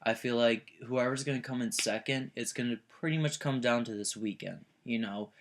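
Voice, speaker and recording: A man's voice: medium pitch, brisk, slight background noise. A young man co-hosting a casual sports talk show, blunt and swearing freely.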